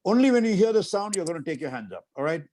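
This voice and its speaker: A middle-aged man from India leads a guest through mind exercises over a call. His voice sits fairly high and swings widely, and he gives firm, repeated commands with a coaxing push. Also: big pitch swings, fast talker, warm tone. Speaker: martial arts master guiding an interview demonstration. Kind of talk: instructing over a video call.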